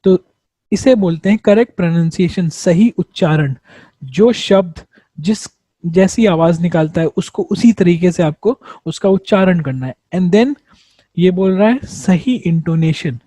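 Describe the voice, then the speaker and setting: A man's voice: high-pitched, a little slow, dark tone, no room sound. A man teaching exam prep, explaining step by step, repeating points and answering his own questions. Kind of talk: explanatory lesson.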